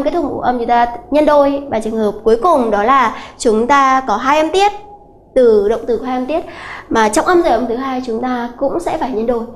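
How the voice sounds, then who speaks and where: A woman English teacher giving an exam-prep grammar lesson, explaining slowly and repeating key points with many hesitant fillers. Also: a little high. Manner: slow, repetitive explaining with many filler "à" sounds.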